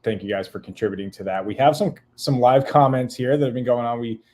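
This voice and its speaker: A man's voice: mid-range voice, quick pace, a little mellow. A man hosting a casual podcast, upbeat as he reads out live comments and thanks listeners. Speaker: podcast host.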